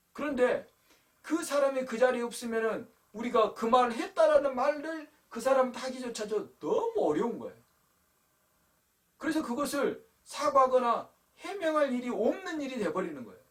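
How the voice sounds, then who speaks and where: A male pastor gives a youth sermon in a casual, storytelling manner, speaking straight to the teenagers. His voice sits slightly high and swings widely in pitch. He sounds set back from the microphone in the church. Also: far from the mic. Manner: conversational storytelling, addresses youth directly. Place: church sanctuary.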